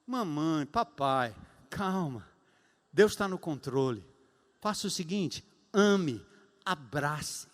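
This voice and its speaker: A man's voice: fairly high pitch, lively intonation, slow pace. A male pastor with a Brazilian Portuguese accent, preaching a sermon emphatically and acting out the voices of the people he quotes. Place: church sanctuary. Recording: long reverb of a church hall.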